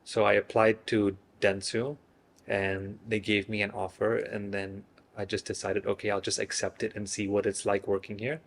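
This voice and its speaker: A man in his thirties from Singapore, chatting casually in an interview, relaxed and hesitant with frequent fillers and restarts. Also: on the low side, normal speed.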